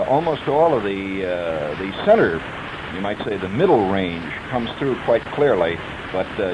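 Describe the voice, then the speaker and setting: A low-voiced man chats in a loose, rambling way, full of fillers and restarts. His voice passes through an early carbon broadcast microphone, which gives it a gritty grain. A faint carbon hiss sits under every word. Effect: old carbon broadcast microphone, gritty and hissy. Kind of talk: casual explanatory talk. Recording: hissy carbon-mic radio sound.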